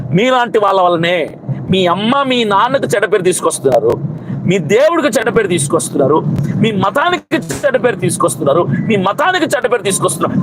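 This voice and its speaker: Fiery high-voiced man over traffic noise. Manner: fiery, scolding, piles up repeated rhetorical questions. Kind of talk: impassioned protest speech to camera.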